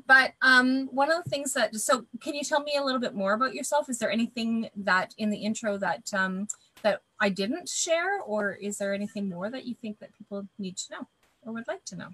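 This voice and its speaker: A woman's voice: a little high, normal speed, pushed and bright, no echo, low-quality recording. A woman hosting a live online interview over a video call, chatty and hesitant with many fillers. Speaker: host.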